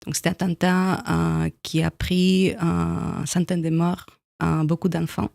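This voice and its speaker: Russian-accented woman with a gravelly voice. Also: lowish voice, level tone, darkish tone, dry recording. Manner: thoughtful, halting, with many pauses and small grammar slips. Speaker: guest, documentary filmmaker. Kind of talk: radio interview. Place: radio studio.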